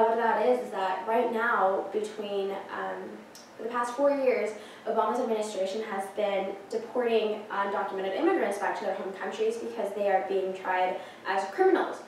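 Heavy reverb and a bit of background noise color this mid-range female voice. The speaker is a Peruvian student in her late teens presenting to her class, earnest but often pausing with ums and starting over. A far-off camera captures her in a classroom with a projector screen.

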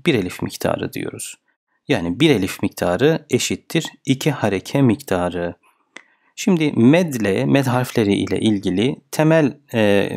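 A man's voice: on the low side, a little mellow. A man teaching a reading lesson, patiently asking questions and answering them himself. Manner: patient, asks and answers his own questions. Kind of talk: step-by-step lesson.

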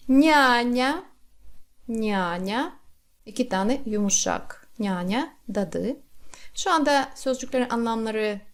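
A woman teaching a pronunciation lesson, saying each word slowly and repeating it for the learner. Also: medium pitch, a little mellow. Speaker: Russian language teacher.

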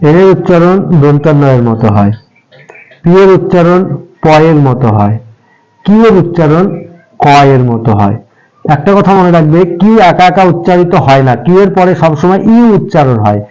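A man with a slightly high voice walks children through letter sounds. He speaks patiently and spells out each example word letter by letter, then repeats it. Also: animated, moderate pace, mellow, clean tone, poor audio. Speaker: English pronunciation teacher. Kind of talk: step-by-step spoken lesson for children.

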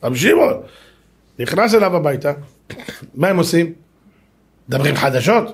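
A man, a rabbi giving a lively sermon and acting out the people in his stories, at times shouting. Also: fairly high pitch. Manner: animated, shouts and acts out voices in the stories.

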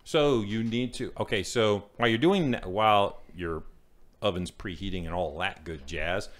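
At a normal speed and on the low side, a middle-aged man's voice carries a casual podcast where he co-hosts and discusses a biscuit recipe. He rambles, jokes and says sorry frequently.

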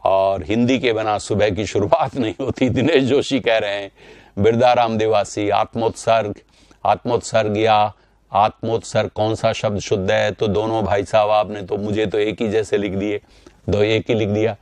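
A man's voice: on the low side, fairly even intonation, normal speed, a little mellow, no room sound. A middle-aged man teaching Hindi grammar in a live online class, greeting students by name and explaining through repeated examples.

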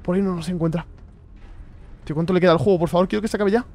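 A young man delivers rapid-fire horror game commentary in a high-pitched, steady voice with a darkish tone. He's nervous and chatty with his viewers, repeating himself whenever he's scared.

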